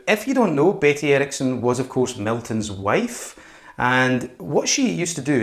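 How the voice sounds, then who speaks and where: A man giving an informal explanatory lesson as a hypnosis instructor, stretching and stressing key words. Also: mid-range voice.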